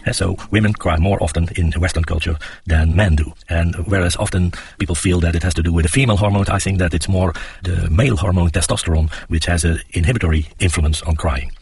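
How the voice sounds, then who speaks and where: A man, an expert researcher, explaining findings in a measured, slightly halting way. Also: low-pitched, steady tone, gravelly, darkish tone, slightly rough. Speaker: crying researcher guest. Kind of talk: expert interview answer.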